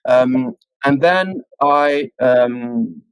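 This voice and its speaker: A man, a computer scientist, moderating a casual community AMA, organized but halting and repeating words. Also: medium pitch, clean tone, no echo, rough recording.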